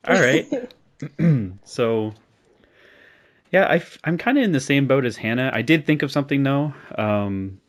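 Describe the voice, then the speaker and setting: A man's voice: medium pitch, expressive, unhurried, long pauses. A young man hosting a casual podcast, chatting loosely with lots of fillers and laughter. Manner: laughs often, many fillers. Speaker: podcast host. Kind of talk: casual chat.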